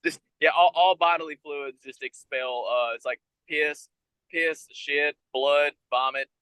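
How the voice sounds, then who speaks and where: A man with a Southern American drawl chats as a podcast guest, laid-back and joking. His voice is bright and fairly high, and the sound is dry and close, with no room echo. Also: a little slow, clean tone. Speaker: guest musician. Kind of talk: casual podcast chat. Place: inside a noisy RV.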